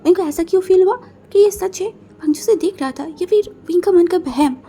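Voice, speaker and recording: A woman's voice: very high voice, fairly quick, dark tone. A woman narrating a fan fiction story aloud in a casual storytelling manner, mixing in English words.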